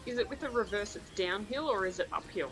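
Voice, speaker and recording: A man's voice: high-pitched, fast talker, fairly bright tone, a little hiss or hum, rough recording. A man chatting casually about cycling as a co-commentator on a livestream. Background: music.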